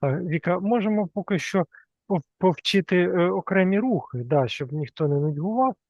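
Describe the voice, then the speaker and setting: A man moderating an online class, calmly and patiently explaining the settings and repeating points so that they are clear. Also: high voice, moderate pace, no echo. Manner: calm, patient, repeats himself to make a point. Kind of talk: patient explaining on a video call. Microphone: video call from a computer. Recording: dull lo-fi video call audio.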